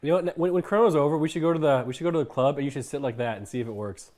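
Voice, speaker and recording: Man, streamer, relaxed banter, slightly high voice. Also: rapid-fire. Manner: relaxed banter, thanks viewers. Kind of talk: casual chat on a group stream.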